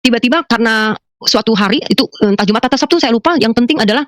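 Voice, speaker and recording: A middle-aged woman giving a personal faith testimony, telling her story with lively storytelling and addressing listeners as brothers and sisters. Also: rapid-fire, dry recording, clean studio sound. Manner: animated storytelling, acting out her own quoted lines in a high voice. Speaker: testimony speaker.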